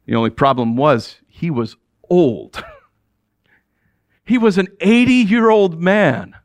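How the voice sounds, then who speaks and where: Man acting as commanding ancient king, proud, chuckling, lively swooping delivery, dry close sound. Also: on the high side, slow pace, pauses often, dry recording. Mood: regal. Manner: commanding, with chuckles between statements. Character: proud middle-aged male Persian king addressing his subjects. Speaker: actor in a biblical character monologue. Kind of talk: theatrical first-person monologue.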